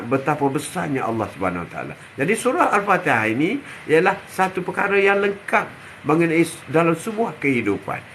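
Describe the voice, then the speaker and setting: High, bright older preacher. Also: male voice, a little hiss or hum. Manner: repetitive, punctuated with "ha", drawn-out Arabic recitations. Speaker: religious teacher. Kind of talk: short Islamic sermon.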